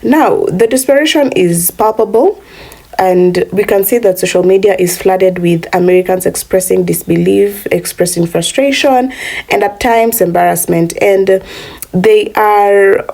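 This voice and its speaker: A woman narrates scripted commentary in a gravelly, mellow voice. She calls her audience "family" as she talks them through the story. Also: mid-range voice, unhurried. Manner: addresses viewers as family. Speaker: commentary host.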